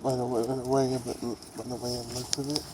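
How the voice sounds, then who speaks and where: A young male vlogger with a congested, nasal mid-range voice rambles brisk and monotone about baseball, restarting often and dropping fillers. He's outdoors near buildings, filming on a phone camera held low, with heavy surrounding noise.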